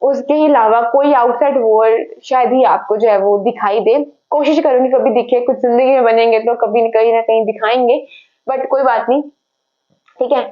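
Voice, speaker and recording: A young woman talks casually to the camera from her own room. Her voice is high and she drops English phrases into her sentences, often stopping to correct herself. The recording sounds somewhat dull and lo-fi. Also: steady tone, normal speed. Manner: chatty, mixes English phrases into Hindi, self-correcting. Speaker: study vlogger preparing for a civil service exam.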